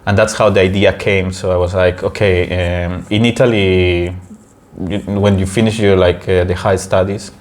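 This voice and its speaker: Co-hosting a casual podcast, a young adult man from Peru talks with a Peruvian Spanish accent, often restarting and leaning on fillers. He has a low, even voice and speaks at a normal speed.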